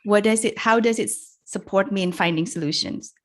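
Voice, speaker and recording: A woman's voice: medium pitch, a little fast. A middle-aged woman from Indonesia, a guest in a casual interview, speaking reflectively and laughing often as she restarts her sentences. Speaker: podcast guest.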